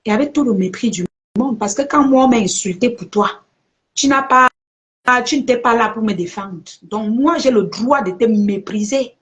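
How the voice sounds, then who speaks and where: A woman's voice: a little high, moderate pace, fairly bright tone. A woman, delivering a confrontational vlog rant to her followers and repeating her points for effect. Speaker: social media personality. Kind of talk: live video rant to followers.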